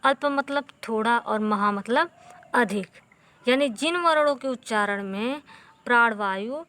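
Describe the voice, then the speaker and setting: Slow, patient woman teaching grammar. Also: on the high side, a bit bright. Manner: slow and patient, repeating key terms and drilling letters aloud. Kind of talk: Hindi grammar lesson for exam students.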